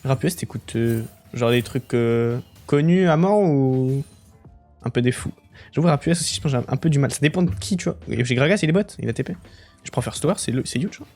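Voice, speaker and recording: A young man chatting casually with his viewers while he plays a game, swearing easily and breaking into excited outbursts. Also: medium pitch, a little fast, faint music behind. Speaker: streamer. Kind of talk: casual live-stream commentary while gaming.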